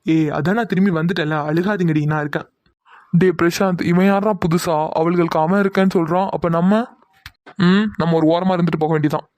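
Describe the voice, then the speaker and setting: A man voicing several young men in a Tamil cartoon drama, talking quickly and heatedly as they bicker. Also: high voice, steady tone, darkish tone, dry recording. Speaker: voice actor for several male cartoon characters.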